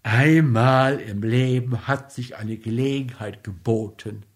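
A man's voice: medium pitch, takes it slowly, close to an everyday voice. A man reading aloud and voicing a curt, irritable middle-aged husband in a story. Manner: gruff, snapping.

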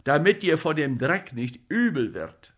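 A man voicing an agitated, boozy male comic actor who fusses loudly over a sick friend. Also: measured pace, breathy edge, exaggerated voice. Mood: fussing. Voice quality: loud, excitable, high-pitched.

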